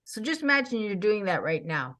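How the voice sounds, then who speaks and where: A woman in her sixties hosting a casual chat, talking with bright enthusiasm and frequent laughs. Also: medium pitch, sing-song, a little fast. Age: 60s. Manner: enthusiastic, chatty, laughs often.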